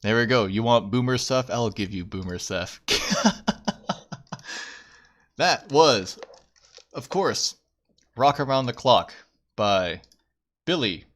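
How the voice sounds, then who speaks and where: A young man hosting a VTuber livestream chats casually, poking fun at himself and often repeating his phrases, with music playing in the background. His medium-pitched, fairly bright voice is animated, and he speaks slowly with frequent pauses.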